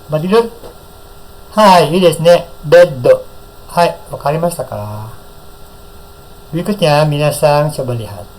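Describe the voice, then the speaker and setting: Encouraging Indonesian man teaching slowly. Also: on the high side, a little mellow, slight background noise, poor audio. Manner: encouraging, praises often, slow clear drilling of words. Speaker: Japanese language teacher. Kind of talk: classroom lesson with call-and-repeat drills.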